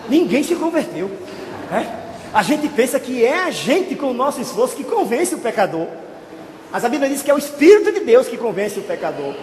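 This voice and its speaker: Brief: high-voiced male preacher, animated storyteller, shouting at peaks, recorded in a reverberant hall. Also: moderate pace. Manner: lively storytelling, shouting at climaxes. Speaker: pastor. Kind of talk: sermon with personal testimony. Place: church hall. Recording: echoey hall, faint ambience.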